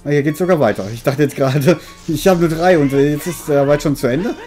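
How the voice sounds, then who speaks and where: A man's voice: fairly high pitch, brisk, a little mellow. A man giving casual game commentary as a let's player, with a dry, mildly grumbling manner. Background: game music.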